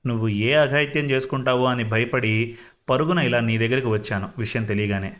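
A man's voice: mid-range voice, fairly bright tone, lightly acted. A man voicing an anxious, loyal middle-aged friend in a storybook reading, talking earnestly and pleadingly.

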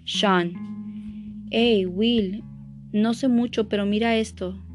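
A woman reading the lines of a gentle older male therapist, repeating himself slowly and insistently. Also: mid-range voice, steady tone, over music, pitched above the performer's own voice. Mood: reassuring. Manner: slow, insistent repetition.

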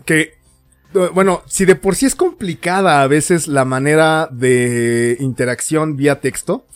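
A young Mexican man, a little drunk, chatting on a podcast with a fairly high voice. He rambles loosely and bursts into laughter as he acts out quotes. Soft music sits faintly behind him. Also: a little slow. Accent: Mexican Spanish. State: tipsy. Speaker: podcast co-host. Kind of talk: casual chat.

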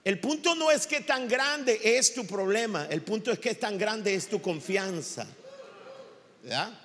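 A male pastor with a Mexican Spanish accent delivers an impassioned sermon, now and then rising to shouts. His voice sits very high and bright. A long reverb from the church hall trails behind his words. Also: lively intonation, a little slow.

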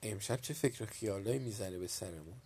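Man reading as timid old village man, wistful, soft-spoken, gravelly husky voice, storybook tale. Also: lowish voice. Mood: puzzled.

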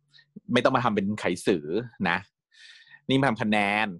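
A man's voice: medium pitch, measured pace, a bit bright, no echo. A man voicing a proud, aloof young man in a cool, clipped way.

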